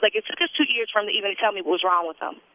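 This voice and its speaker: A woman's voice: medium pitch, very animated, rapid-fire, bright, forceful tone. A woman calling in to a radio show over the phone, talking casually and plainly as she vents. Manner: casual, plain-spoken, frustrated venting. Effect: heard over the phone. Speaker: caller. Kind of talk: call-in radio conversation. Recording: narrow tinny phone line.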